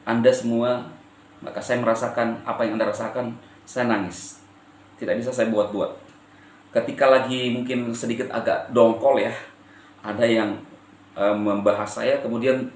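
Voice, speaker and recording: A man from eastern Indonesia addressing his viewers as a channel host, with a firm intonation that can sound stern even when he is calm. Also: on the low side, echoey room. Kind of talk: direct-to-camera address to viewers.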